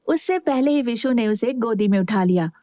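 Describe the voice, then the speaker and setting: A woman narrating a scripted audio story in a calm, even storytelling manner. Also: on the high side, normal speed, no echo, studio quality.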